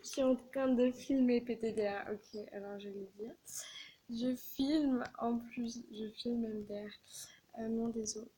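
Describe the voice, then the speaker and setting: A woman's voice: on the high side, steady tone, a little slow, warm tone, slight background noise, low-quality recording. A woman ranting casually in a gaming vlog, swearing and dropping into whispered asides between many fillers. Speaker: gaming YouTuber.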